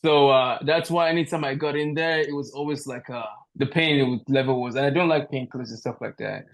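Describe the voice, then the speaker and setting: Brisk and fairly even in intonation, his mid-range voice carries a casual, easygoing chat. The speaker is a Nigerian powerlifter guesting on a podcast by video call from home, poking fun at himself, with the device at short range.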